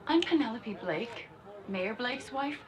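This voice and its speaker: A proud society wife who stands her ground with firm, commanding speech. Her voice sits somewhat high. A loud crowd murmurs behind her. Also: animated, unhurried. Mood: defiant. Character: proud, defiant society wife, adult woman. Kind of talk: TV drama dialogue.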